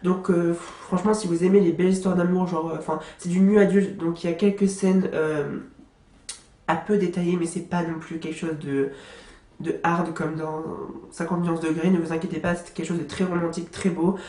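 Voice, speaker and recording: A young woman who vlogs about books talks casually about titles she loves, her nose stuffy from a cold. Her voice sits on the low side, steady and mellow at a moderate pace, full of fillers and restarts. The room is echoey.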